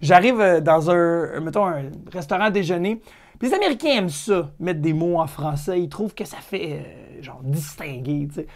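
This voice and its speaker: A man's voice: on the high side, lively intonation, moderate pace. A man with a Quebec French accent hosting a comedic podcast, chatty and irreverent, swearing casually with lots of fillers and restarts. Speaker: podcast host.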